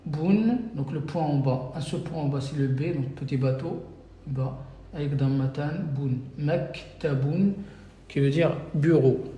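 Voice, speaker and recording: A man's voice: on the high side, measured pace, mellow. A man teaching a live-stream lesson, patiently reading out viewer names and correcting them one by one. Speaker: Arabic teacher. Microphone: phone. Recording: echoey room, faint background noise.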